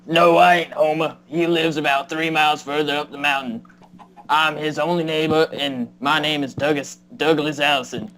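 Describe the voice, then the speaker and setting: A man's voice: fairly high pitch, level tone, normal speed, bright, forceful tone, slight background noise, low-quality recording. An actor playing a homespun old man in his sixties who lives alone in a mountain cabin, talking in a folksy rural drawl. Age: 60s. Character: frail old male mountain neighbor, homespun.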